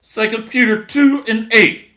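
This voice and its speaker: A man's voice: extremely high pitch, fairly even intonation, measured pace, sharp tone, echoey room. A man preaching a blunt, mocking sermon with scripture readings and rhetorical call-outs.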